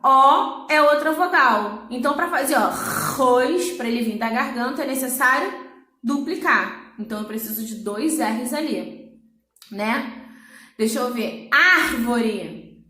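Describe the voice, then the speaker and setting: A woman teaching a recorded language class with a high, bright voice. She explains step by step and keeps checking that her students follow. The sound carries an echo from the room. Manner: patient, explanatory, checks understanding with "tá?". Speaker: Portuguese teacher.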